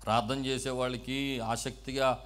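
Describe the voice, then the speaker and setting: A male pastor giving a call-and-response sermon, moving between quiet explaining and loud shouted preaching as he has the congregation repeat his words. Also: medium pitch, level tone, moderate pace. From South India.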